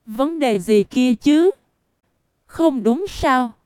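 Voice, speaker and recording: A woman's voice: high-pitched, expressive, extremely slow, darkish tone, clear, resonant tone, dry recording, clean studio sound, exaggerated voice. A woman reading as a brash boastful male director. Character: arrogant middle-aged male company director.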